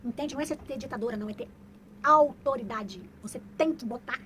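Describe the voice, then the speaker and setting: Mom lecturing about raising kids, high voice, rattles along fast, noisy background. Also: female voice, a bit bright. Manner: emphatic, preachy, repeats points for stress. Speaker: mother giving parenting advice. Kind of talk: casual monologue to viewers.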